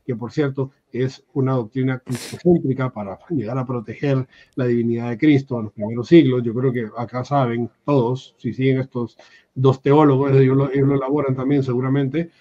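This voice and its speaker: A Honduran man with a Honduran Spanish accent joins a casual panel chat as a guest over a webcam video call from a room at home. His mid-range voice is mellow, brisk and fairly even. He's talkative and often restarts mid-phrase, and the call audio sounds dull and lo-fi.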